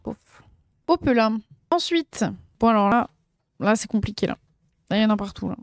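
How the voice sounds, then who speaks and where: Young woman streamer, gushing and chatty, bright higher voice, close and dry. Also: moderate pace, no room sound. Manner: gushing, excitable, lots of fillers. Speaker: streamer showing convention purchases. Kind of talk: casual live stream chat.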